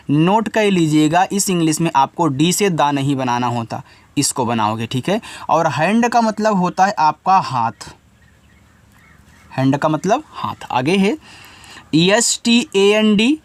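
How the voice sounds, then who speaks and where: A man giving an English lesson step by step, patiently repeating each word and its meaning and spelling letters out slowly. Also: on the high side, no room sound. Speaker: English teacher.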